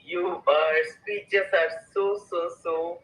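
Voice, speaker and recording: A man's voice: high voice, roomy sound, low-quality recording. A man from India, a beauty business owner chatting eagerly as a guest on a live stream. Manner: eager, flattering, drawn-out phrasing. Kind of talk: casual live-stream chat.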